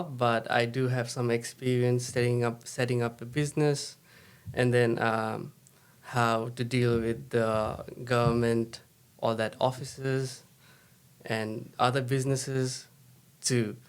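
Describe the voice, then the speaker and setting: A man's voice: medium pitch, little pitch movement, unhurried, smooth. A man from Nepal, the podcast's host, steadily introducing the topic and asking short questions. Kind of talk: casual podcast chat.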